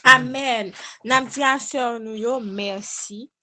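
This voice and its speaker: Slow woman announcing in a service. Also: a little high, fairly even intonation. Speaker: service moderator. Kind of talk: announcing items in a prayer service.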